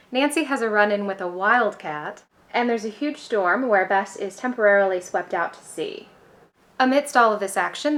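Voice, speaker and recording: A woman's voice: mid-range voice, fairly bright tone. A young woman giving an upbeat, scripted review of a mystery novel. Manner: upbeat, enthusiastic. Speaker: book reviewer.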